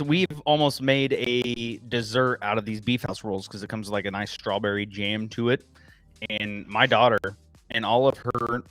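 A man in his thirties from Illinois, co-hosting a casual podcast chat and telling rambling, animated stories. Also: medium pitch, no room sound. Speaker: podcast co-host.

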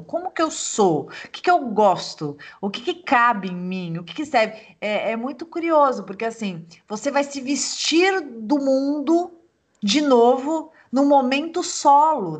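A woman's voice: high voice, sing-song, measured pace. A Brazilian woman, a psychologist co-hosting a relationship podcast, talking thoughtfully and telling stories from her sessions. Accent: Brazilian Portuguese. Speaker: psychologist co-host. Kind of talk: podcast conversation.

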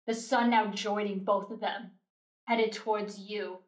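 A woman's voice: mid-range voice, fairly even intonation, measured pace. A woman narrating a tabletop game as game master, describing the scene in vivid detail. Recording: roomy echo.

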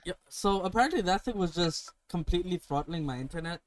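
A man's voice: high voice, animated, fast. A man hosting a podcast, chatting casually and telling stories with plenty of swearing. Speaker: podcast host. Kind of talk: casual chat.

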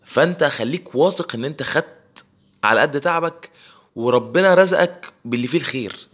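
A man's voice: on the high side, animated, a bit bright, breathy edge. A young man with an Egyptian accent giving a casual reflective monologue, mixing in English phrases and often restarting his words. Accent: Egyptian Arabic. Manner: rapid, mixes English phrases, frequent restarts.

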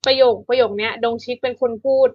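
A woman's voice: a little high, fairly even intonation, fast. Chatty woman, dull lo-fi podcast audio. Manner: chatty, restarts and repeats words while explaining. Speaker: podcast co-host. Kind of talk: casual podcast chat.

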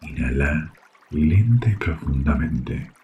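A man with a very low voice and a Rioplatense Spanish accent guides a yoga nidra session for sleep. He speaks slowly and softly, leaving long, soothing pauses. Water trickles faintly behind him. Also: expressive, slight background noise. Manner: soft, soothing, hushed delivery with long pauses. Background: trickling water sounds.

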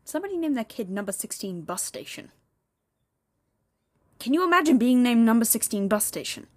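A young woman hosting a casual solo podcast, rambling and chatty, talking fast and laughing often. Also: on the high side, big pitch swings, dry recording. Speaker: podcast host.

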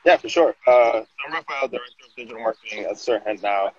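A man's voice: mid-range voice, fast, a crowd in the background. A man from Venezuela, a marketing director, talking casually in an interview and often restarting his words. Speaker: guest, digital marketing director. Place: outdoors on a city street. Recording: dull audio with faint noise.

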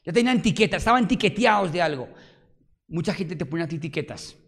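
A male preacher delivers a lively sermon in a fairly high voice. He swings from loud exclamations down to quiet murmurs. He keeps putting rhetorical questions to his congregation. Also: fast talker, breathy edge.

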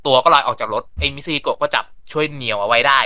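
A man's voice: medium pitch, rapid-fire, bright, forceful tone, dry recording. A man chatting casually as a podcast panelist, retelling plots at length and acting out lines. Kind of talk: casual chat.

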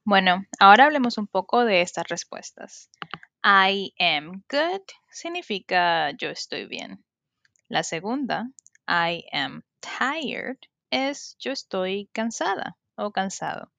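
A young woman leads a podcast language lesson and sounds out each word for her listeners. She speaks at an unhurried, deliberate pace, with a gravelly edge to her voice. The recording is dry and close, with no room sound. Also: mid-range voice, big pitch swings, a bit bright, dry recording. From Colombia. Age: 20s. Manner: slow, careful teaching delivery, modeling English words. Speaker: English teacher.

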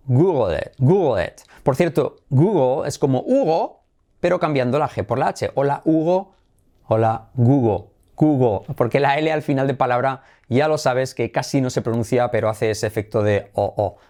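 A man runs an English lesson in a lively, teacherly way. He says the English phrases over and over, slowing them down for practice. His voice sits in an ordinary middle pitch. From Spain. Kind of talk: Spanish-language English lesson.

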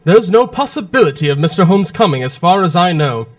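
A man playing a courteous but harried gentleman doctor in a radio drama, formal and firm, with weary politeness. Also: sits high, very animated, a little fast. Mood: weary, polite.

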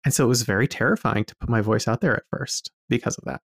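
A podcast co-host of indeterminate-sounding sex speaking casually, in a halting and thoughtful way. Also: mid-range voice, gravelly, husky, dry recording, clean studio sound. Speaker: podcast co-host and project co-director.

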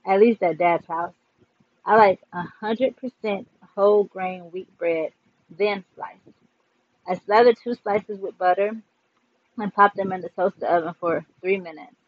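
A man's voice: sits high, lo-fi sound. A man reading a novel aloud to his listeners, chapter by chapter, with casual asides. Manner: warm sign-off, casual asides. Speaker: book reader.

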